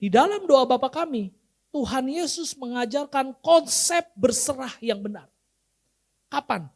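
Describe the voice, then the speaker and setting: A man's voice: very high voice, lively intonation, a little slow, gravelly. A male pastor giving a sermon in a casual, humorous way, often quizzing the congregation. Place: church.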